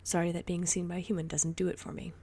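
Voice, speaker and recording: A woman's voice: fairly low pitch, fairly even intonation, moderate pace, creaky, darkish tone, breathy edge. A woman voicing a stiff, distrustful teenage boy borrower who speaks in a clipped, defensive way in a storybook reading. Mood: wary, defensive.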